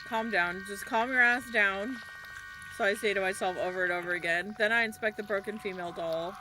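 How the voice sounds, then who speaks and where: A woman playing a game and commenting as she goes, reading game text aloud in an expressive, reactive way with casual swearing. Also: medium pitch, fairly quick. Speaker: game streamer. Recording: clearly noisy background.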